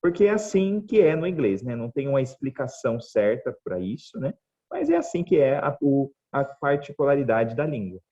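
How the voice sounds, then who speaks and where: A man from Brazil teaching English online, his voice dark and mellow on a slightly muffled recording. He talks patiently and says each word slowly again for his students. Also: mid-range voice, big pitch swings. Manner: patient, repeats words slowly for the class, checks in with "tá bom?". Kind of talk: online language class.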